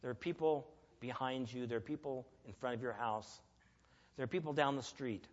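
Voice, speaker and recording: A man preaching a sermon in a church, earnest and emphatic, telling a personal story with pauses. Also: medium pitch. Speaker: lay preacher. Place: church sanctuary. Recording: echoey church hall, dull lo-fi.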